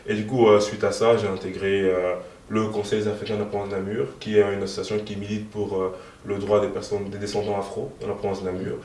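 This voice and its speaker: A man's voice: fairly low pitch, little pitch movement, fast talker, darkish tone, slight background noise. A young man in his twenties answering interview questions as a youth party co-president, speaking hesitantly with many fillers. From moved to Belgium in 2013. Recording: echoey room, from far off.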